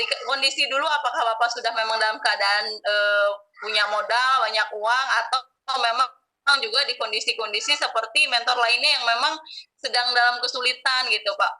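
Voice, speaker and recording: Woman interview host, prompting questions, very bright tone, fairly high voice. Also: poor audio.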